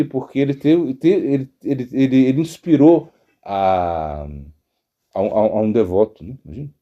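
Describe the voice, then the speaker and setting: A man, a monk giving a spiritual talk, telling a story with many restarts and tag questions. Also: on the high side. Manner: animated storyteller, frequent "né?" and restarts. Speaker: monk teaching devotional philosophy.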